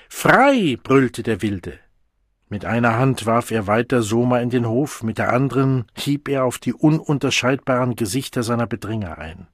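Slow, husky man reading a novel aloud. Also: medium pitch, no echo, studio quality. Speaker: audiobook reader. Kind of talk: scripted narration.

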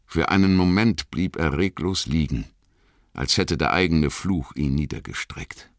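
Male audiobook narrator, lively and bright, dry close-miked studio read. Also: very deep voice, unhurried, dry recording. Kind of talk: scripted fantasy narration.

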